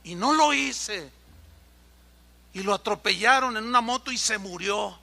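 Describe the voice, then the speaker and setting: A man preaching a sermon as pastor, acting out quoted conversations in an animated way. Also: high-pitched, unhurried, vocal fry. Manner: animated, acts out dialogue in quoted voices.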